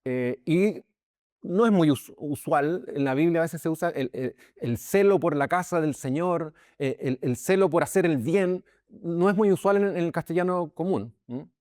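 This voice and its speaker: Leading an informal Bible lesson, a Chilean pastor converses with his listeners, checking in often, restarting sentences and repeating words. His voice runs on the high side and a little mellow at normal speed, in a dry, studio-quality recording.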